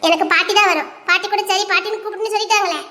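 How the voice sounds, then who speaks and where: A woman's voice: extremely high pitch, steady tone, rapid-fire, pushed and bright. An actress playing a sulky, playful young woman who teases her fiancé in a childlike, stubborn way, speaking Tirunelveli Tamil. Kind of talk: web series drama acting.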